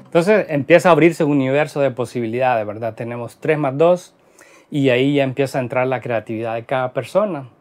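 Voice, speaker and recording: A man's voice: medium pitch, fairly quick, a little mellow. A man teaching a guitar lesson in Spanish, explaining rhythm patterns and counting beats aloud as he plays. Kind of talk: instructional lesson. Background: guitar playing.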